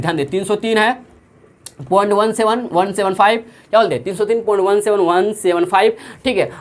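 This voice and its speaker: A woman math teacher with a Bihari Hindi accent, working through sums in a classroom lesson and answering her own repeated questions. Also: medium pitch. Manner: asks questions and answers them herself, repeats every step.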